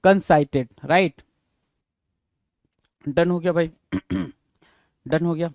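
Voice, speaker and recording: A man's voice: on the high side, slow pace, darkish tone, no echo, clean studio sound. A man teaching exam vocabulary in a chatty mix of Hindi and English, repeating each word and asking his students questions. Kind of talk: Hindi-English classroom explanation.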